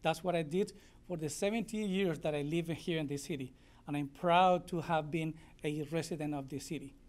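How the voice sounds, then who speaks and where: Born in Spain and raised in Colombia, this native Spanish speaker has a slightly high, darkish male voice. Accepting a proclamation as a community member, he delivers an earnest, heartfelt, slightly halting thank-you speech at a podium microphone in a council meeting room.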